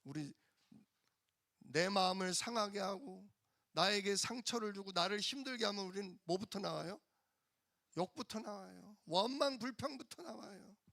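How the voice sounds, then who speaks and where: A man's voice: high-pitched, moderate pace, gravelly, sharp tone, no echo, clean studio sound. A male pastor preaching a sermon in a church, emphatic and firing rhetorical questions at the congregation.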